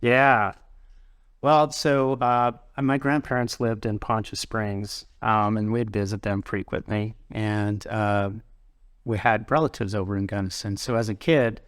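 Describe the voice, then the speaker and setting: A middle-aged man from Colorado, a university president, talking through an interview in a thoughtful, halting way with many restarts. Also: on the low side, steady tone, clear, resonant tone, no room sound, clean studio sound. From Colorado, USA. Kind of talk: casual interview conversation.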